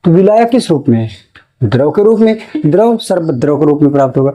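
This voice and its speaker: A man teaching a chemistry lesson for board exams, posing questions to the class and answering them himself, repeating key terms slowly. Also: on the high side, lively intonation, warm tone, muffled recording. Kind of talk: classroom lecture for board exam.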